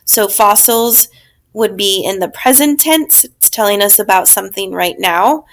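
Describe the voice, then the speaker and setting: A woman teacher giving a recorded grammar lesson, explaining slowly and patiently step by step. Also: medium pitch.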